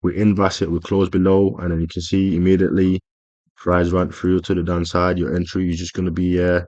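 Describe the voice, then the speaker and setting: A man's voice: deep voice, monotone, fairly quick, a little mellow, dry recording, lo-fi sound. A man explaining a trading strategy over his screen in a casual tutorial, rambling with frequent fillers and self-corrections. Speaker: trading educator.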